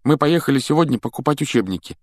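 A man's voice: mid-range voice, expressive, quick pace, darkish tone, dry recording, pitched above the performer's own voice, close to an everyday voice. A male narrator voicing a polite, earnest young schoolboy wizard who gives plain, earnest replies. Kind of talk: audiobook character voice.

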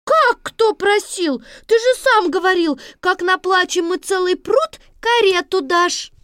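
Shrill, whining young princess who sobs through her words; storybook voice. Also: measured pace, fairly bright tone, no room sound, studio quality. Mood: whiny. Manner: whiny, sobbing. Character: princess who whines and cries, young woman. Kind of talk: storybook reading.

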